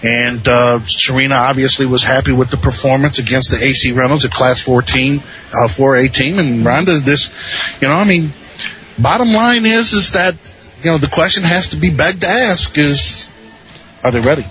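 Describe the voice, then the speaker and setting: A man giving conversational pregame softball commentary as a sports broadcaster, with halting, hesitant phrasing. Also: medium pitch. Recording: dull lo-fi radio feed with noise.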